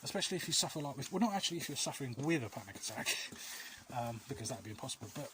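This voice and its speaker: A vlog host walks along outdoor alleys, talking rapid-fire in an animated, medium-pitched voice. He offers viewers earnest, reassuring advice in a casual, rambling way, often losing his thread. Clear outdoor ambient noise surrounds him.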